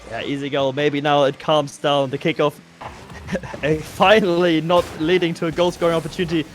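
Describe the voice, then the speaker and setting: A high-voiced man casting a live esports match, with quick and excitable play-calling. Faint background noise sits under his voice. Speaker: play-by-play caster.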